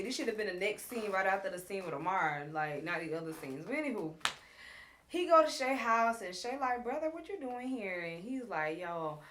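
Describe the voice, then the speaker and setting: A woman hosting a casual recap show, telling the story in an animated, frank way and acting out what people said. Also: on the high side. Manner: animated storyteller, acts out quotes; frank, talks straight to viewers. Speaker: show host recapping a reality series.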